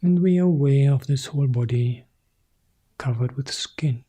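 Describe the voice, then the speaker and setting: A male meditation teacher guides a practice calmly, using short, sparse phrases separated by long pauses. His voice is soft, husky and breathy, sitting at a medium pitch.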